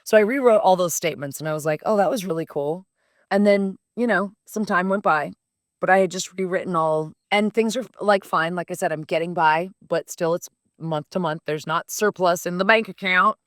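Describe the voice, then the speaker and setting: Recorded dry with clean studio sound, this podcast host is a woman in her 50s whose fairly low voice moves at a moderate pace. She tells a personal story casually, bluntly, and with lots of profanity. Her delivery is lively and emphatic.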